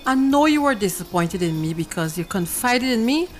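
A woman's voice: fairly high pitch, animated, moderate pace, soft background music, natural voice. An actress playing a conciliatory middle-aged stepmother in a domestic drama, keeping the peace in the family. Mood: apologetic, reassuring.

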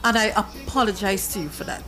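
A woman's voice: mid-range voice, brisk, pushed and bright, faint music behind, lightly acted. An actress playing a conciliatory middle-aged stepmother in a domestic drama, keeping the peace in the family. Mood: apologetic, reassuring.

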